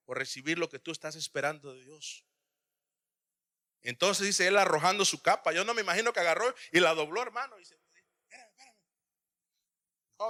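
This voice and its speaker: A man preaching a sermon to his congregation, often calling them brother and swinging between loud cries and hushed asides. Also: on the high side, long reverb tail. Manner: addresses listeners as "hermano", swings from loud to hushed.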